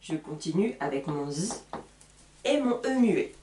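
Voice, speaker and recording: A woman teaching a beginner lesson, speaking slowly and deliberately and spelling out sounds. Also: deep voice, big pitch swings, dark tone, a little hiss or hum. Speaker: French teacher. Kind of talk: slow beginner French lesson at a whiteboard. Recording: echoey room, voice from far off.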